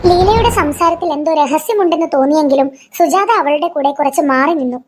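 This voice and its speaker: A woman narrating a family moral story in a scripted, even storytelling manner. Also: sits high, fairly quick, music in the background.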